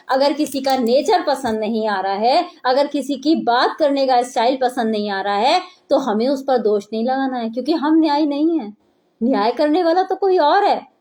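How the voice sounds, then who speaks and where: A woman's voice: high-pitched, darkish tone. A middle-aged woman preacher giving an earnest sermon, repeating key phrases for emphasis.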